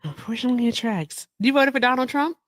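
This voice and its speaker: A woman's voice: on the high side, quick pace, no room sound, studio quality. A woman hosting a casual livestream chat, blunt and skeptical with her callers. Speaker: host.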